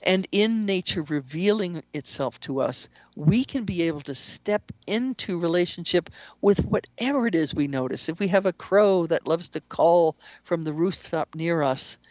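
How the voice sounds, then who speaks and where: A woman who is a shamanic practitioner and author speaks as an interview guest, explaining things in a conversational, instructive way. Her lowish voice is a little mellow, with no room sound on the slightly dull lo-fi audio.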